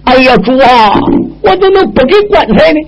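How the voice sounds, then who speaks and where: A man's voice: very high voice, animated, brisk, a little hiss or hum, voice pushed up, poor audio. A male storyteller voicing an indignant, scheming court official who protests his innocence. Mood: pleading. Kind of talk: traditional storytelling, acted dialogue.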